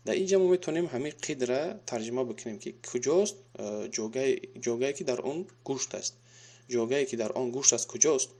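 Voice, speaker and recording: A man with a Tajik accent, teaching an Arabic grammar lesson. He patiently reads each example slowly, repeats it, then translates and explains. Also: medium pitch, warm tone.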